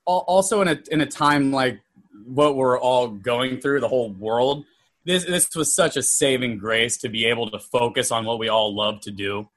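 A man's voice: medium pitch, moderate pace, fairly bright tone. A man, an actor, chatting earnestly and animatedly on a video call, with lots of fillers. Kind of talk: casual video-call chat.

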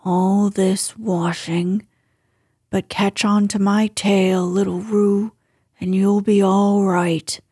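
A woman voicing a gloomy, self-pitying old male donkey from a children's storybook, grumbling slowly and with resignation. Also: on the low side, fairly even intonation, a little mellow, slightly rough, no echo, studio quality. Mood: gloomy, resigned.

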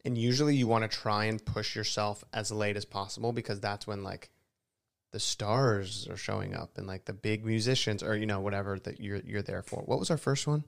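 A man's voice: fairly low pitch, steady tone, fairly quick, vocal fry. A young man co-hosting a podcast, chatting casually and easygoingly about his work. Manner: easygoing, quotes shouting photographers in loud raised voice. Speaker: podcast co-host. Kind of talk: casual chat.

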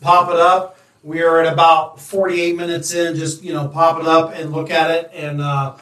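Casual male show host, high voice, informal and reassuring to viewers, sounding off-mic in a roomy space. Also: flat delivery, moderate pace, fairly bright tone. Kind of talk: casual video show hosting. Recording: echoey, distant microphone.

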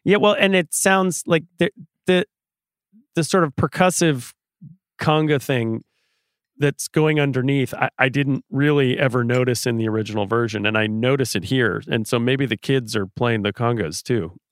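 A man co-hosting a music podcast, chatting casually and tossing in quick asides. His voice sits at a middle pitch. The sound is dry and close. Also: no room sound. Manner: conversational, quick asides and agreement. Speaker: podcast co-host.

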